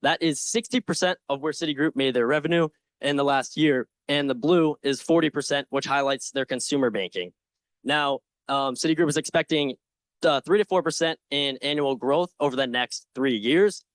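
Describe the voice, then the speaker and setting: A young man confidently and earnestly giving a prepared investment pitch with slides, with some informal asides. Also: normal speed, no echo. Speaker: presenter in a stock pitch competition.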